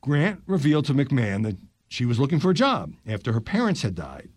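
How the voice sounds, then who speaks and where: An older man hosting a news podcast, reading stories aloud and dropping his voice low for quick asides. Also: no room sound. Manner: animated delivery, drops low for asides.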